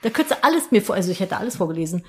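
A woman co-hosting a casual podcast with her husband, chiming in with quick jokes. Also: mid-range voice, sing-song, darkish tone, slightly rough. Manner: quick joking interjections. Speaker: podcast co-host. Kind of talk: casual chat.

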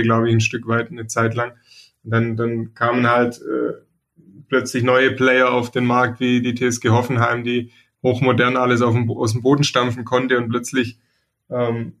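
A man discussing football club youth policy in a measured, reflective way, pausing often to find his words. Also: mid-range voice, fairly bright tone. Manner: measured, reflective, frequent hesitations. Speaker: podcast co-host, football pundit. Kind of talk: casual discussion.

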